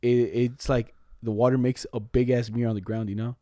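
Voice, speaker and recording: A young man in casual co-host banter, telling stories in a slangy, profane, animated way. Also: mid-range voice, fairly quick, no room sound, clean studio sound.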